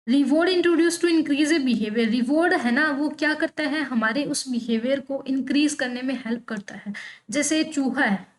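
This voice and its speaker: A woman teaching an online exam-prep lecture, reading English lines out slowly and then explaining them, asking questions and answering them herself. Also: high-pitched. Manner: peppers explanations with checking tags like "theek hai".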